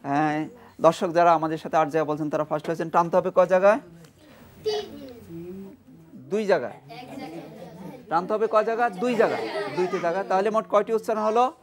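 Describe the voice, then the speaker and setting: A man with a high voice leads a televised Quran reading lesson, naming each letter and vowel mark for a group of children to echo, occasionally slipping into a slow, stretched-out recitation of the verse. The setting is a TV studio with a children's class, where the kids chant along and some chatter can be heard behind.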